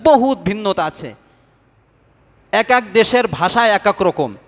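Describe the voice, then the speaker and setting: A man's voice: sits high, lively intonation, takes it slowly. A male preacher giving a sermon who keeps asking the audience questions and then answering them himself. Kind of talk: Islamic sermon. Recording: long hall reverb.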